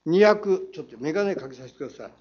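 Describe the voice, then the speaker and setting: A man's voice: a little high, expressive, quick pace, breathy edge. A man questioning the mayor on a city council floor, combative, with a Saga accent, rhetorical challenges and quoted passages read aloud. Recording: dull lo-fi council chamber audio.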